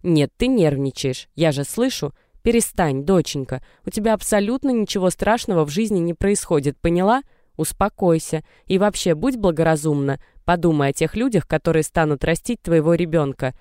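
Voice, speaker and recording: A man's voice: a little high, normal speed, darkish tone, clear, resonant tone, no echo, clean studio sound, close to an everyday voice. A man reading the lines of an anxious middle-aged mother who lectures and coaxes her daughter over the phone. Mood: insistent. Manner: coaxing, insistent, lecturing.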